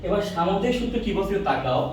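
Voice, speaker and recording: A man teaches physics in a quick, high voice, quizzing his class and echoing their replies. He sounds distant from the mic, in a room with heavy echo. A faint ambient hiss sits behind him. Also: sing-song. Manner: drills students with repeated questions, answers himself. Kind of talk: classroom lecture with call-and-response. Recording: echoey room, mic far off.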